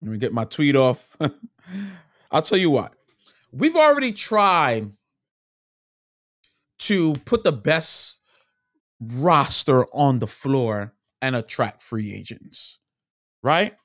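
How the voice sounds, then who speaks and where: A man's voice: mid-range voice, slow pace, pauses often, dry recording, clean studio sound. A man giving an opinionated sports rant to camera, frustrated and repeating himself for emphasis. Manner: animated, frustrated, repetitive emphasis. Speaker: sports vlogger.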